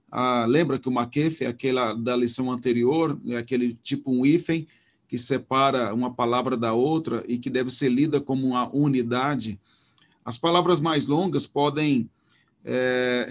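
A man with a Brazilian Portuguese accent teaching a recorded Hebrew lesson, talking haltingly with many restarts while he points things out on slides. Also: medium pitch. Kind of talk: recorded online lecture.

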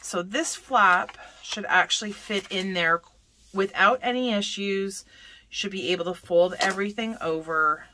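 A woman's voice: medium pitch, measured pace, bright, forceful tone, slight background noise. A woman hosting a papercraft tutorial, chatting through each step as she works and often correcting herself mid-sentence. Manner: chatty, self-correcting, talks while working.

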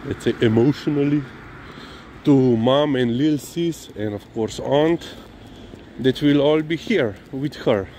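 Walking outdoors, a Slovenian-accented man who owns a dog rambles in a casual vlog, slow and halting, with many "you know"s. His voice is medium-pitched and dark. The outdoor ambience is clearly noisy, with vehicles passing.

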